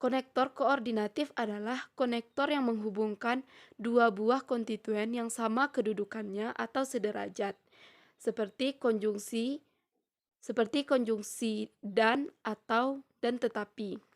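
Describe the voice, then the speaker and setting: A young woman student reading a prepared lecture in a steady, measured way, slowing down when she reads out example sentences. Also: fairly high pitch. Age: young adult. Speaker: student presenter.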